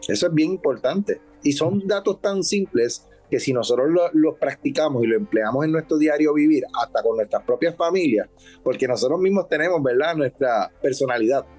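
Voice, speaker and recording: Calm Puerto Rican man explaining. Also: fairly high pitch, soft background music. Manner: calm, measured, explanatory, says "¿verdad?" often. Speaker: substance abuse counselor. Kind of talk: talk show guest explaining.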